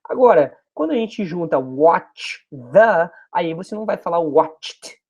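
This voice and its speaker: A woman from Brazil teaching English through song lyrics. She repeats phrases slowly and patiently and stresses pronunciation. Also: lowish voice, expressive, darkish tone, husky. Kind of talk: explaining song lyrics to learners.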